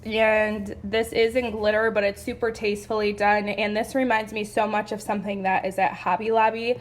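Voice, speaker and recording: A young woman chatting excitedly through a home decor haul, gushing and a little out of breath. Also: medium pitch, moderate pace. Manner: gushing, chatty, lots of "like" and "you guys". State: a bit out of breath. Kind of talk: casual haul video.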